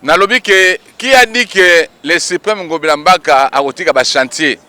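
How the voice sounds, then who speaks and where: A man's voice: fairly high pitch, moderate pace, pushed and bright, clear, resonant tone. A man giving emphatic on-the-spot news commentary outdoors, using rhetorical call-and-response. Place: outdoors at a public event.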